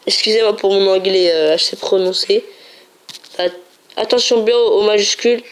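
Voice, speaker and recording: A woman's voice: medium pitch, slight background noise. A woman hosting a casual game video, chatty and playful, often repeating herself as she shows things on screen. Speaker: gaming video host.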